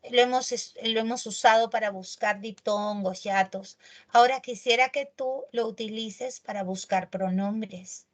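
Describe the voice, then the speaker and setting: A woman teaching a grammar lesson, talking in an animated, emphatic way and checking in with tag questions. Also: fairly high pitch.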